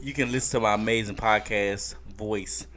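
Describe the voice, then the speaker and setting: A man's voice: lowish voice, fairly even intonation, normal speed, fairly bright tone, slight background noise. A man hosting a podcast, drunk and boisterous, joking his way through a casual group sign-off. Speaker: podcast host.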